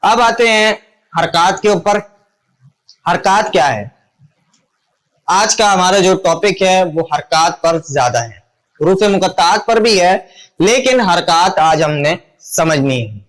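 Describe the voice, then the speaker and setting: A man with a Pakistani Urdu accent teaching a lesson informally, drawing out letter sounds slowly and repeating drills, chatty with his viewers. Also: high voice, lively intonation, fairly bright tone, poor audio. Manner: chatty, addresses viewers as brother.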